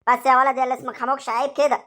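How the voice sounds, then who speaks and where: A woman voicing a stern female schoolteacher who scolds a pupil and repeats her warnings in a gruff voice. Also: high voice, flat delivery, racing, fairly bright tone, pitched below the performer's own voice. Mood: scolding. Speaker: teacher.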